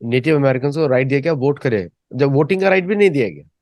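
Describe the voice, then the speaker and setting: A man hosting a discussion, talking in a measured, hesitant way with fillers. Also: medium pitch, lively intonation, a little mellow, dry recording. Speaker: host.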